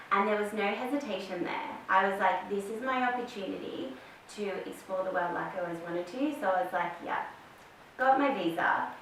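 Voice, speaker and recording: A woman's voice: mid-range voice, fairly bright tone. A woman in her thirties with an Australian accent, chatting as a podcast guest and telling her story with many fillers. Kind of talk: casual interview chat. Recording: echoey room, distant mic, faint hiss.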